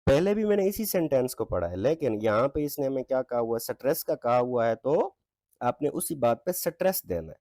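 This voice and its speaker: A man teaching an English textbook lesson, reading example sentences slowly with stress and checking in with his students often. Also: medium pitch, big pitch swings, darkish tone, dry recording, studio quality. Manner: reads English lines slowly with stress, asks "ठीक है?" often. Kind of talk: explaining a textbook exercise.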